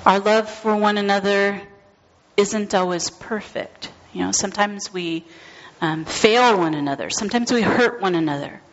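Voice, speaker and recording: A woman pastor giving a gentle, deliberate sermon, speaking to the congregation by name. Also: medium pitch, dull audio.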